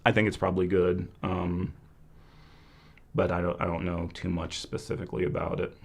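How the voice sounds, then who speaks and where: Low-pitched man thinking aloud casually. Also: little pitch movement, moderate pace, vocal fry, breathy edge. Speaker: host of a Chinese medicine Q&A. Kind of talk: casual live Q&A talk.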